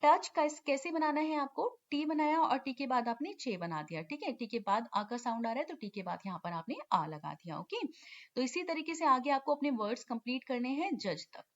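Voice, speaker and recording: A woman's voice: sits high, animated, a little fast. A woman teaching shorthand in an online lesson, patiently repeating key terms and checking in often. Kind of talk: online lesson explaining step by step. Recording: lo-fi dull recording.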